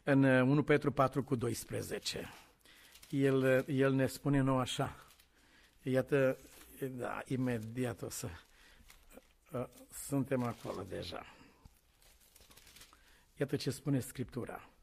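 A man preaching a sermon in a lively, conversational way, acting out biblical dialogue with humorous asides. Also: mid-range voice, gravelly, long pauses. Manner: animated storytelling, acting out dialogue. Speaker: pastor.

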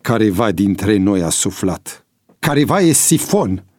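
A man's voice: lowish voice, big pitch swings, a little mellow, dry recording, clean studio sound. A man voicing an angry male prisoner chief who barks orders and threatens. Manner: angry, commanding.

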